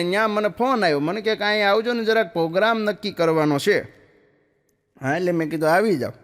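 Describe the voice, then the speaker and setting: A man's voice: sits high, a bit bright. A man telling folk jokes on stage, chatty, with "ઈ કે" and "હા" after nearly every line. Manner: chatty, peppers lines with "ઈ કે" and "હા". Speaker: stand-up joke teller. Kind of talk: Gujarati folk comedy storytelling. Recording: long reverb of a hall.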